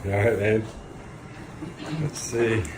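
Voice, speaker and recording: A man's voice: fairly low pitch, little pitch movement, slow pace. A man talking casually and explaining as he hosts an ice bath demonstration, with an encouraging manner. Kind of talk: casual explanatory vlog talk. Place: garage. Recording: clear background noise, humming ambience.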